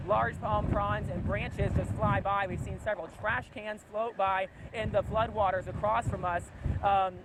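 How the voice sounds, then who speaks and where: A man working as a field reporter, giving unscripted live storm coverage outdoors and projecting over the wind. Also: high-pitched. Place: outdoors by a flooded road in a hurricane.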